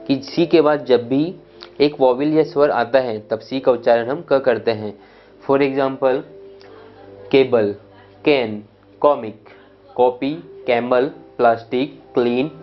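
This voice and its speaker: A man teaching English pronunciation, reading out word lists one by one and often checking "clear?" with his students. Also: mid-range voice, fairly even intonation, slow, lo-fi sound, faint music behind. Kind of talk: pronunciation lesson.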